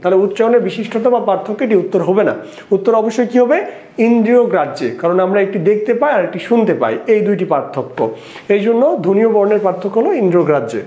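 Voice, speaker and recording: A man with a high, mellow voice teaches an exam-prep lesson, solving exam questions, posing rhetorical questions and going back over the key points. The audio is dull, with a roomy echo.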